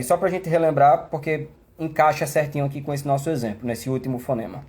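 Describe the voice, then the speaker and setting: A man with a Brazilian Portuguese accent teaching English pronunciation in a live online class, chatty and self-mocking, slowing down to exaggerate sounds. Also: mid-range voice, warm tone. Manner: exaggerated slow demonstrations.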